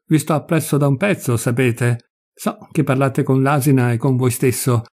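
A man voicing a fervent, pious male vagabond who swings between gentle pleading and furious outbursts. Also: medium pitch, fairly even intonation, normal speed, lightly acted. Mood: earnest.

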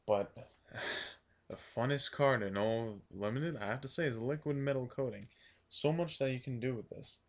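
A man with a hoarse, worn voice from yelling, recapping a card game event in a casual, rambling vlog full of ums and restarts. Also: medium pitch, normal speed.

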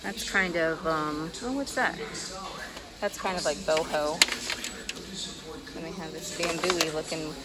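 A woman's voice: sits low, measured pace, pauses often, very noisy. A woman in her thirties, a vintage reseller, chatting casually through a thrift-store haul, thinking aloud with fillers and small laughs, recorded on a handheld phone in a large store.

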